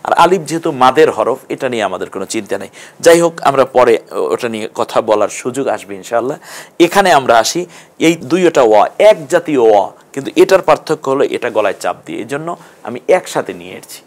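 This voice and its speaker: A middle-aged man teaching an online Quran class, slowly drawing out Arabic letter sounds for learners to repeat. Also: mid-range voice, very animated.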